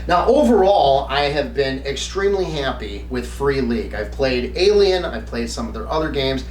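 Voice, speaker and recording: This middle-aged tabletop game reviewer hosts to camera in a semi-scripted, earnest, emphatic style. His voice is medium-pitched and a little mellow, with lively intonation at a moderate pace. The sound is roomy, from a distant mic, with faint background noise.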